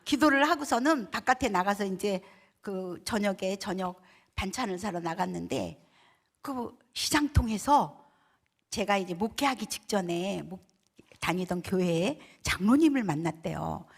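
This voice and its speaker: A woman's voice: medium pitch, lively intonation, measured pace, vocal fry, breathy edge. An older woman, a pastor's wife, tells a personal testimony story, acting out the voices of the people she quotes.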